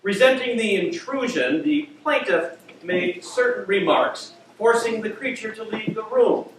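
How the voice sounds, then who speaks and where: A man plays a blustering old judge, declaiming to the room. The voice sits fairly high and comes from far off on a stage, swimming in heavy theater echo with some hiss. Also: a little slow. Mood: pompous. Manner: declamatory stage delivery, projecting loudly. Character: pompous older male judge, blustering. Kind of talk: amateur stage play.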